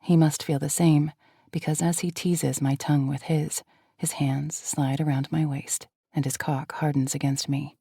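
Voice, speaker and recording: A woman reading a fantasy romance audiobook in first person, with a soft, intimate delivery. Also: deep voice, little pitch movement, normal speed, vocal fry, husky, dry recording, clean studio sound. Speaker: audiobook narrator. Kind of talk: scripted first-person narration.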